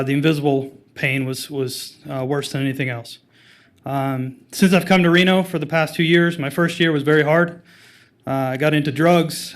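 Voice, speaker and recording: A man who is an army veteran, giving informal, halting public remarks with many fillers at a city council meeting. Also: a little high, fairly bright tone.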